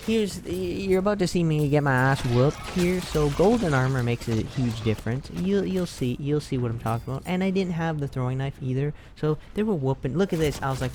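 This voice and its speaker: A man giving a voice-over commentary on his own gameplay, excitable, swearing casually and acting out his reactions. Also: mid-range voice, background noise. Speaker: gaming video creator.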